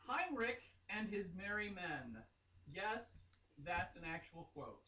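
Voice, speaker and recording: A woman with a mid-range voice reads a romance novel aloud in mock-dramatic style, slow and bright with big pitch swings and a forceful tone. She's giggly and playfully theatrical, breaking off for casual, exclaiming asides. The mic sits at a distance in an echoey room, with faint noise.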